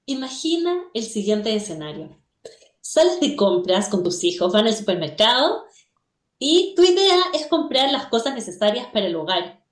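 A woman's voice: a little high, very animated, normal speed, reverberant. A woman giving a reflective radio talk on a religious teaching, telling an everyday story and asking rhetorical questions. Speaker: guest speaker, religious teacher.

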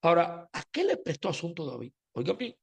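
High-voiced man teaching scripture. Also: huge pitch swings, brisk, gravelly, slightly rough. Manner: storytelling, addresses listeners directly. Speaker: Torah teacher. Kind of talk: sermon-style Bible lesson.

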